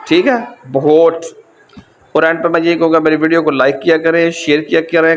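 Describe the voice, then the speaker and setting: Pakistani male language teacher, slightly high voice, casual repetitive lecture, faint noise behind. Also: fairly bright tone. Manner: repetitive, explains points again and again.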